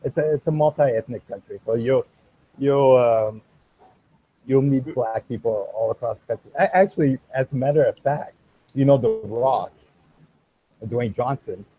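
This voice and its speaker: A man's voice: medium pitch, moderate pace, breathy edge, phone-quality sound. A man from Canada with a slight French accent, answering questions hesitantly with many restarts. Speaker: podcast guest. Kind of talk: casual interview chat.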